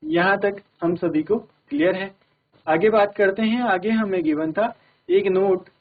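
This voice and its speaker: A male English teacher, giving a classroom grammar lesson in a steady manner and often checking that everyone follows. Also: high-pitched, a little slow. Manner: steady, repeats "ठीक है" to check understanding. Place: broadcast studio classroom. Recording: tinny phone-like audio.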